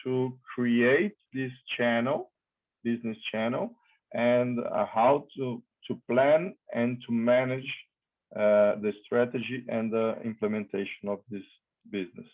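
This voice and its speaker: Man, slow halting english, many fillers, tinny call audio. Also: mid-range voice, fairly even intonation. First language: Portuguese. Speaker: business founder presenting his company. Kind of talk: online panel talk. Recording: phone-like video call audio.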